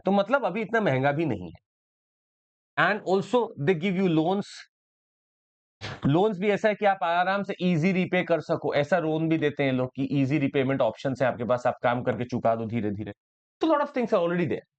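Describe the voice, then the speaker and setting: Man, Indian accent, current affairs teacher, slightly high voice, explains and repeats points. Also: sing-song, unhurried, dull audio. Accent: Indian English. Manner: explaining, mixing Hindi and English, repeats key points. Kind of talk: exam-prep news analysis lesson.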